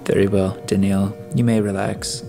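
A man reading the part of a hard-edged, suspicious detective from Earth. He presses with pointed questions and snaps out orders in a low, firm voice. Soft music sits behind. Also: flat delivery, normal speed, creaky. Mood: commanding suspicious. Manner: blunt, commanding, probing.

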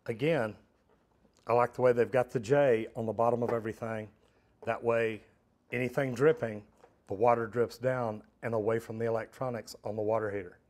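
Here a middle-aged man, a plumber, runs through a hands-on instructional demonstration in a metal-walled storage unit. His voice is medium-pitched with a darkish tone, captured on a lapel mic. He speaks plainly and practically, addressing viewers as "guys."

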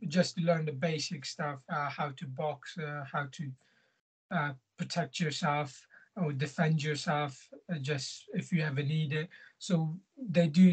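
A man's voice: a little high, breathy edge, low-quality recording. A young man from Afghanistan, a scholarship student and boxer, speaking in a hesitant way with many fillers on a video call from a small room at home. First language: not English. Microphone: laptop webcam, video call.

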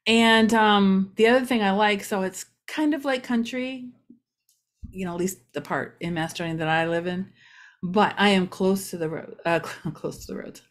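A woman's voice: mid-range voice, steady tone, moderate pace. A middle-aged woman, chatting through a casual local news vlog with joking asides. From Ohio, USA.

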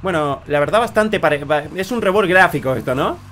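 Young argentine guy streaming a game, high bright voice, gets loud and excited fast, bit of noise behind. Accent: Argentine Spanish. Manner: excitable, shouts and laughs often. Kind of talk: gameplay commentary.

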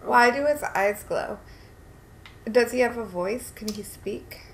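A woman's voice: a little high, slow pace, slight background noise, low-quality recording. A woman co-hosting a casual let's play, cracking dry jokes and asking playful questions about the game. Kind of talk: casual gameplay chat.

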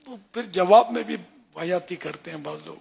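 Soft-spoken raspy older man. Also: high-pitched. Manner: soft-spoken, often drops to a whisper, draws out words slowly. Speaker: religious scholar answering questions. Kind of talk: religious guidance talk.

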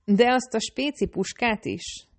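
A woman's voice: a little high, voice pushed up, close to an everyday voice. A woman reading the lines of a drawling, wisecracking young man in an audiobook. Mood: teasing.

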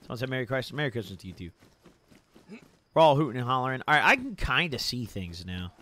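A man's voice: medium pitch, sing-song, fast, bright, forceful tone. A young man chatting casually on a gaming live stream in a slangy frat-bro manner, swearing freely and calling everyone bro and dude. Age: young adult. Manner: frat-bro slangy, laid-back hype with "bro", "dude", "boys".

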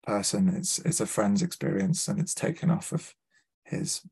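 A lowish, darkish voice with vocal fry, a breathy edge, and lively intonation belongs to a poet from Liverpool with a Scouse accent. At a literary festival he reads his work in a measured, deliberate manner, introducing each poem with a few hesitant fillers.

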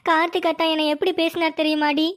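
A woman's voice: very high-pitched, flat delivery, fast, dry recording, clean studio sound. A woman voicing a tearful, lovesick young snake-woman in a cartoon, pleading and plaintive.

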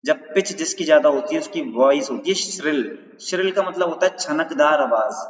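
A man's voice: on the high side, brisk. A male teacher giving an exam-prep lecture in Hindi mixed with English terms, who keeps asking questions back and repeating the key points. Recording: roomy, distant, dull sound.

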